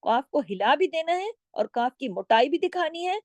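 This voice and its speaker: A woman teaching Quran recitation rules. She explains patiently, stretches each example word out slowly, and often checks in with her listeners. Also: high-pitched, very animated, darkish tone, no room sound. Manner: draws out words slowly when demonstrating. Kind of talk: recitation lesson with slow demonstrations.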